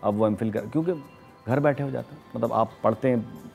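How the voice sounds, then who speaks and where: A middle-aged man with a Pakistani Urdu accent, an astrologer reading horoscopes on a studio talk show, explaining things in a measured way with frequent hesitations. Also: medium pitch, creaky, a little mellow, faint music behind.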